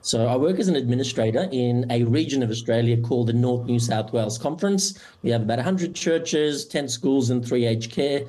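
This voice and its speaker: A middle-aged man from Romania, a church administrator and pastor, giving steady interview answers. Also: mid-range voice. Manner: measured, steady answers with occasional "uh" fillers.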